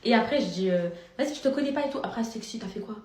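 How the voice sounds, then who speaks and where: A woman's voice: on the high side, roomy sound. A young woman, a social media influencer, telling her followers a story in a casual, slangy way. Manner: rapid, animated, slangy.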